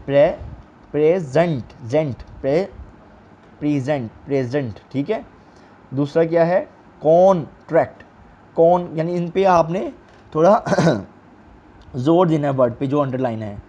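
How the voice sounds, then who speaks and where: A man teaching an English lesson, reading exercise lines slowly and explaining them with frequent fillers. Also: a little high, lively intonation, mellow, muffled recording.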